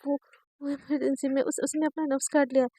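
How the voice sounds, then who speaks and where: A woman's voice: high-pitched, level tone, a little fast, mellow, dry recording, clean studio sound. A woman voicing a tearful, stammering young woman. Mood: pleading. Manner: tearful, stammering, repeating words. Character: desperate young woman pleading for her love.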